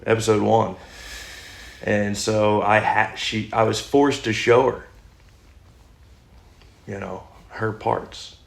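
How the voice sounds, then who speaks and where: Speaking low and slowly with little pitch movement, a young podcast co-host with a gravelly voice banters casually from an unheated home garage. He coughs as he recovers from illness, leaves long pauses, and cracks dry, crude jokes, and the recording echoes off the garage walls.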